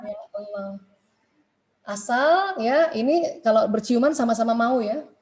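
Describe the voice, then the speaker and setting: A woman giving a casual religious study talk to married women, chatty and animated with laughing asides. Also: a little high, moderate pace, poor audio.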